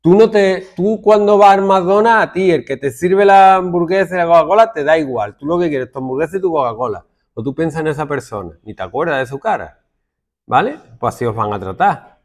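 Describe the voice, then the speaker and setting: A man's voice: fairly high pitch, a little fast. A male secondary school teacher with a Spanish accent from Spain, lecturing his class and mimicking his students' complaints. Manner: lively, lecturing, acts out students' complaints in mocking voices.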